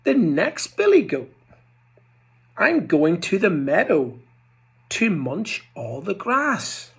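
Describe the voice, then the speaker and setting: A man's voice: high-pitched, wildly swooping pitch, slow, creaky, a bit bright, husky, voice pushed up, exaggerated voice. A man voicing a cheeky middle-sized billy goat who bleats at the troll.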